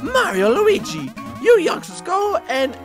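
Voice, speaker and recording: A man voicing an excitable elderly professor scientist in a high, wavering falsetto, with theatrical exclamations, over game music. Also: unhurried, heavily acted. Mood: earnest. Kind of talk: let's play voice acting.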